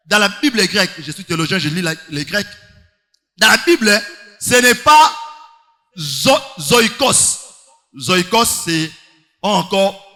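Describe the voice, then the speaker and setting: A man delivers an emphatic sermon in a high, sharp-toned voice, using rhetorical questions and sing-song stretches. Long hall reverb surrounds the recording.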